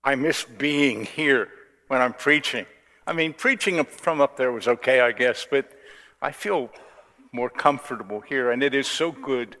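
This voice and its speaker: A man preaching an informal homily to a congregation in a large church, chatty, halting and reflective, with long reverb. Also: medium pitch, sharp tone.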